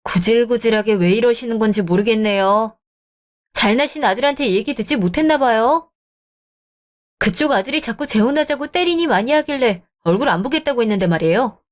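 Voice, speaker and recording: A woman's voice: fairly high pitch, lively intonation, fairly quick. A young adult woman narrating and playing the lead in a scripted radio drama, with cold, cutting retorts.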